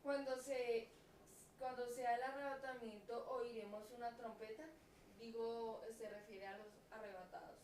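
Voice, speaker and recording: A woman's voice: fairly high pitch, little pitch movement, moderate pace, a little mellow, roomy sound, recorded from a distance, poor audio. A woman reading out audience questions to the pastor and keeping track of the time. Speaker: question reader.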